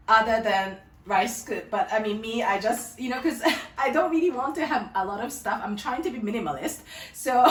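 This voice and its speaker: A woman in her thirties from Tokyo with a Japanese accent, hosting a casual cooking demo in her home kitchen, chatty and rambling and laughing often. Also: a little high. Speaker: cooking video host. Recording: echoey kitchen, mic at a distance.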